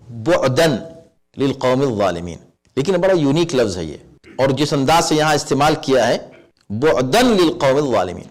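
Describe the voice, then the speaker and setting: A man, an Islamic scholar, giving a sermon-style commentary on scripture, quoting verses and then explaining them, often asking rhetorical questions and rising to emphatic exhortation. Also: mid-range voice. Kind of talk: Urdu sermon lecture with Arabic recitation.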